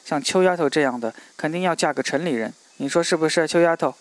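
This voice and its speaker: A man's voice: on the high side, quick pace, no echo, natural voice. A man reading the lines of a village woman who probes coaxingly. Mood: probing. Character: probing sister-in-law, village woman.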